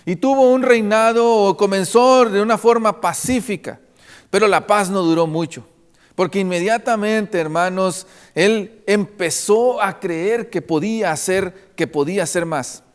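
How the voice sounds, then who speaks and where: Male preacher, high-pitched, earnest sermon delivery, long church reverb. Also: unhurried. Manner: earnest preaching, repeatedly addressing the congregation as brothers.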